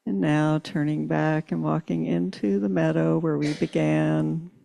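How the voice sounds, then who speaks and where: A woman leads a guided meditation in long, soothing phrases. She speaks very slowly, with a strongly gravelly voice. Her tone is dark and mellow. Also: sits low, fairly even intonation. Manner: slow, soothing, drawn-out phrases. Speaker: meditation leader.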